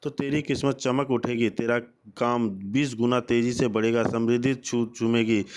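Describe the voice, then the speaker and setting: A man's voice: mid-range voice, level tone, normal speed, a little mellow, natural voice. A man voicing an older male village priest in a plain read-out with small stumbles. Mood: persuasive.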